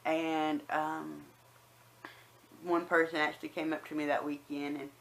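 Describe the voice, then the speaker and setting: A woman's voice: low-pitched, level tone, measured pace, vocal fry, a bit bright, low-quality recording. Chatty woman with a slight whistle. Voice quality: slight whistle on some words from new dentures. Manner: conversational, acts out remembered remarks. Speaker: personal vlogger. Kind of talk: casual chatty personal storytelling.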